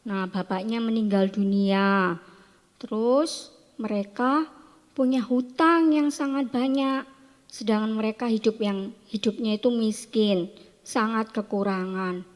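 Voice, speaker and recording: A woman teaching Sunday school, telling a Bible story to children in an animated way and asking them questions. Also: on the high side, slow pace, long reverb tail.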